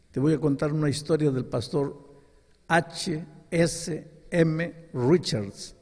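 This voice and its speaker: A man's voice: medium pitch, warm tone, breathy edge. A male pastor preaching a sermon, telling a story and acting out its dialogue with dramatic rises in his voice. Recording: long hall reverb.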